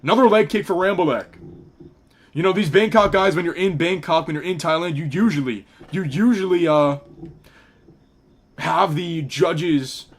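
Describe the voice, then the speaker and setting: A young man giving live, excitable play-by-play commentary on a fight, with frequent restarts and fillers. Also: on the high side, moderate pace.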